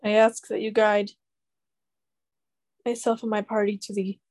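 A woman's voice: medium pitch, flat delivery, measured pace, darkish tone. A woman playing a tabletop game, reacting expressively. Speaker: player. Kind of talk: casual game chat.

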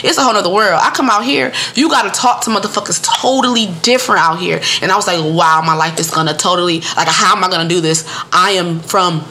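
A woman's voice: fairly low pitch, fast, hardly any pauses, a little hiss or hum. A woman from Detroit co-hosting a podcast, telling a story in blunt, profane casual talk, laughing often. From Detroit, Michigan. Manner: blunt, animated, swears freely, laughs often. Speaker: podcast co-host.

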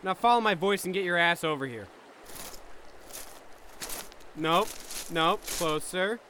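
A man's voice: sits high, expressive, slow pace, bright, forceful tone, a little hiss or hum, exaggerated voice. A man playing an exasperated squad corporal who barks orders at his soldiers, in a comedic audio drama. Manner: barking orders, impatient.

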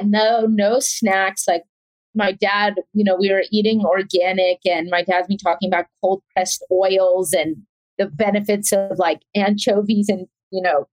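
A woman's voice: mid-range voice, a little mellow, poor audio. A young adult woman from South Africa, a chef talking as a guest in a casual interview, chatty and rambling with many fillers.

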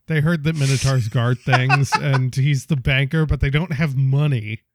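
A man's voice: mid-range voice, steady tone, normal speed, darkish tone, no room sound, clean studio sound. A young man co-hosting a podcast, brainstorming casually with lots of fillers, restarts and laughter. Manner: rambling, laughs often, many fillers and restarts. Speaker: podcast co-host.

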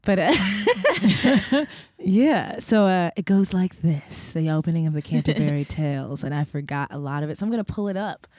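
Brief: female guest, relaxed, laughs a lot, dry close recording. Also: on the low side, normal speed, dry recording. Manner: laughs often, easygoing. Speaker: podcast guest. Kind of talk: casual group chat.

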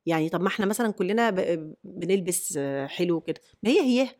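A woman's voice: lowish voice, lively intonation, fast talker, darkish tone. A woman with an Egyptian accent, a skin doctor, explaining treatments in an emphatic way with rhetorical questions in a casual podcast chat. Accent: Egyptian Arabic. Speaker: dermatologist guest.

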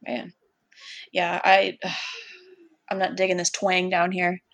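A woman's voice: on the low side, monotone, takes it slowly, vocal fry, fairly bright tone, no echo. Blunt woman from washington state, casual chat, swears a lot, dry close sound. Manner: blunt, swears freely, laughs often. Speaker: friend chatting.

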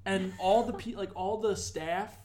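A young man with a high voice hosts a casual chat. He tells his story in a loose, animated way, swearing as he goes. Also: unhurried. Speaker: podcast host. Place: apartment room.

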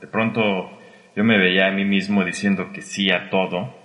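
Bright-voiced man, reverberant sound. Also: low-pitched, fairly even intonation, moderate pace. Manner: reflective, mimics English phrases he heard. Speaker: interviewee. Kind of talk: recounting personal experience. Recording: long reverb.

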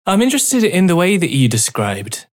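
A man interviewing a guest, asking measured, thoughtful questions. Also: high voice, huge pitch swings. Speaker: podcast interviewer.

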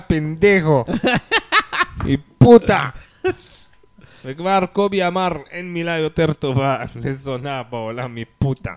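A man guesting on a podcast as a stand-up comedian, brash and teasing, quick to laugh. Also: on the high side, clear, resonant tone. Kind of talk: casual podcast chat.

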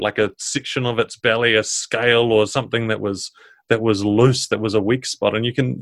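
A man's voice: mid-range voice, a bit bright. A man improvising the narration of a tabletop game as its game master.

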